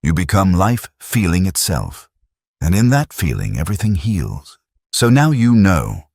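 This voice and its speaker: A man's voice: sits low, sing-song, measured pace, vocal fry, a little mellow, no echo, studio quality. A man giving scripted narration in a solemn, meditative delivery.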